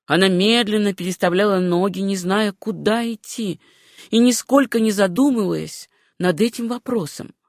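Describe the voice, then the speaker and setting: A woman narrating a novel as an audiobook, reading in a measured, unhurried way. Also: medium pitch, no echo, clean studio sound.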